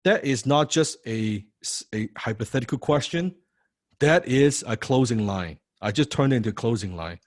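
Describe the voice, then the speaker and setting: A man teaching a sales training class, lively and full of rhetorical questions, acting out what prospects say. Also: mid-range voice, normal speed, dry recording, clean studio sound. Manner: animated, acts out prospect replies, rhetorical questions. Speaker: sales coach.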